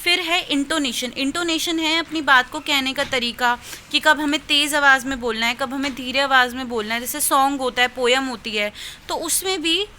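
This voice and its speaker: A woman tutor with an Indian accent giving an exam-prep lecture. She explains step by step, reads questions aloud slowly and often checks in with "ठीक है". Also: high voice, sharp tone, a little hiss or hum, rough recording. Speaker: teacher-training tutor.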